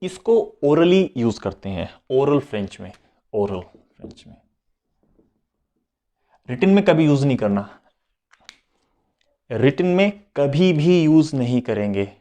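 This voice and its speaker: Taking it slowly with long pauses, a French teacher speaks in a warm, mid-range, very animated voice through a beginners' lesson. He alternates Hindi and English and repeats each point in this slow, explanatory class.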